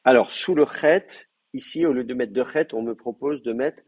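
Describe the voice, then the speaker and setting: A man's voice: medium pitch, moderate pace. A man teaching a language class, explaining step by step and thinking aloud, with frequent hesitations and fillers. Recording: muffled lo-fi class recording.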